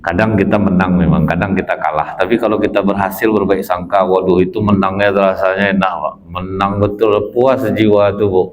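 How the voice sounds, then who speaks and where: A man's voice: low voice, fairly even intonation, brisk, few pauses. A male preacher delivering a folksy mosque sermon, constantly addressing the congregation as sir and ma'am. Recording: slightly dull lo-fi recording.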